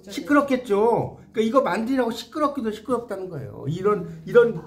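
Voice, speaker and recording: A man's voice: high voice, animated, brisk. A man giving a classroom lecture on classical poetry, explaining it line by line and often putting questions to his listeners. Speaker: literature lecturer.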